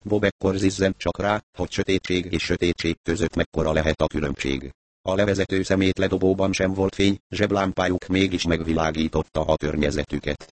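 Deep-voiced man reading a story. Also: no room sound. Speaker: audiobook narrator. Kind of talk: scripted narration.

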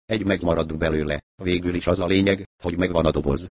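A man reading the part of a very old, weary and menacing lama with a raspy voice, in an audiobook. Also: deep voice, fairly even intonation, darkish tone.

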